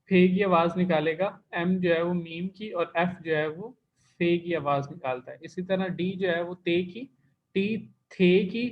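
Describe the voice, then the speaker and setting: High-voiced man teaching an online class. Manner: patient, explains step by step, repeats terms. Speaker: language teacher. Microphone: computer mic in an online class. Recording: dull lo-fi online class recording.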